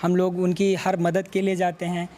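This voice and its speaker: High-voiced earnest young man. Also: monotone, dark tone. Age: young adult. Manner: earnest, measured, addresses the reporter as sir. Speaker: interviewee. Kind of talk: street interview.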